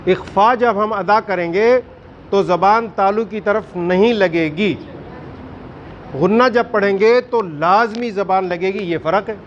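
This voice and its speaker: High-voiced man teaching recitation. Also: dull audio, a little hiss or hum. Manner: firm, questioning, drawn-out recited words. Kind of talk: classroom tajweed lesson.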